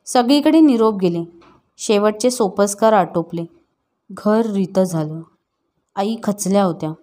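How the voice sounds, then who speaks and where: A woman narrating an emotional family story in a calm, steady reading voice. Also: on the high side.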